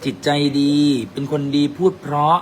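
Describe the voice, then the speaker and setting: Teasing Isan-accented man in a noisy cafe. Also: moderate pace. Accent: Isan Thai. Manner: teasing, boisterous, mixes in dialect. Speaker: vlog host. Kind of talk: casual joking banter.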